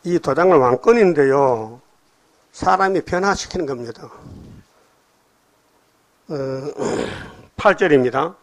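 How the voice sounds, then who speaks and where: A man delivers a sermon as a pastor, retelling the story with lively, animated energy. He keeps prodding his listeners with quick questions as he goes, and his voice sits somewhat high for a man.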